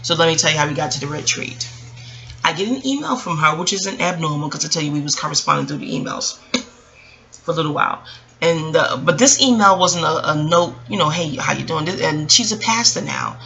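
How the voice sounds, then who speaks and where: The audio quality is poor, but you can hear a low, bright, forceful female voice with vocal fry. She's an American vlogger delivering a casual, reflective storytelling monologue, drifting into digressions while talking straight to listeners.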